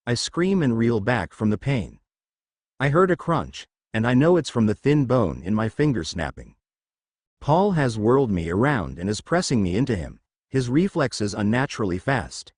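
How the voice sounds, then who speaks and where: Male narrator with a lively, dry read. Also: medium pitch, normal speed, dry recording. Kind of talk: first-person fan fiction narration.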